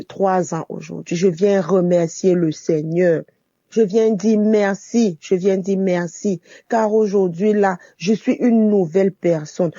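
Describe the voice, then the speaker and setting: Woman from Cameroon, fervent testimony caller, mellow dark tone, dry and muffled lo-fi message. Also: mid-range voice, dry recording. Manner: fervent, repetitive thanksgiving.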